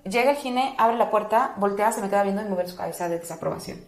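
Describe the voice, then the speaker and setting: With a roomy echo around her, a woman speaks quickly in a mid-range voice. She's a doula and interview guest recounting a personal experience, animatedly acting out other people's words with her voice raised.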